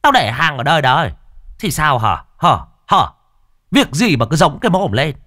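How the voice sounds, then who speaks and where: A man's voice: a little high, big pitch swings, normal speed, sharp tone, no echo, studio quality, pitched above the performer's own voice, heavily acted. A man voicing a brash, effeminate male corn seller at a market who shrilly taunts a rival vendor. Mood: taunting.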